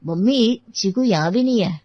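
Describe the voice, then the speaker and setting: A woman puts on a cheeky young brother for a storybook tale, his voice pushed lower and teasing. He pokes fun at his sister. The recording is dry and a little dull. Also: lively intonation, normal speed, dry recording, close to an everyday voice. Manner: teasing, playful. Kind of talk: storybook voice acting.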